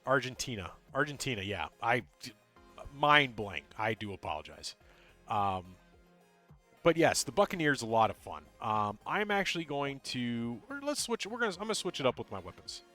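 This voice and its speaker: Lively mumbling male game streamer. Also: mid-range voice, soft background music. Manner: tends to mumble and talk fast; rambling, full of ums and uhs. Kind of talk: casual gameplay commentary, chatting with viewers.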